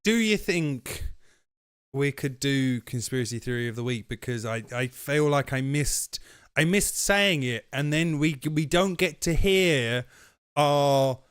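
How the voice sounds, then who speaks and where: A man's voice: medium pitch, lively intonation, a little slow, fairly bright tone, clear, resonant tone, no echo, studio quality. A man co-hosting a podcast, chatting casually and rambling with frequent laughs. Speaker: podcast co-host. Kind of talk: casual chat.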